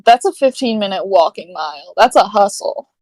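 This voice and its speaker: A woman's voice: mid-range voice, animated, moderate pace, a little mellow, no room sound. A woman playing a tabletop game, reading spell rules and talking hesitantly with fillers. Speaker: player.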